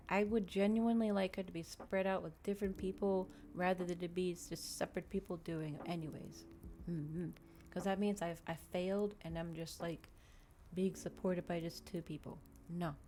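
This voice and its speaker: A woman hosting a VTuber livestream chats casually with viewers in a rambling way, often repeating and restating her phrases. Her voice is lowish and dark in tone, with slight background noise.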